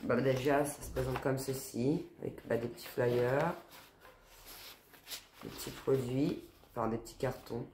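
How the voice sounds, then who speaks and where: Speaking a little slowly with long pauses, a woman in her forties unboxes a beauty box for the camera in a steady, bass-deep voice that is nasal, congested and smoker-rough rather than soft. She's tired and her nose is blocked, yet she stays chatty and informal, ending lines with "quoi" and "hein." The recording is echoey and roomy, with slight background noise.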